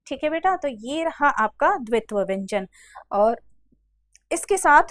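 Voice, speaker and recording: A woman with a high voice teaches a grammar class over slides. She explains patiently and repeats each example slowly, calling her students "beta". The recording is dry and close, with no room sound. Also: a bit bright, no echo.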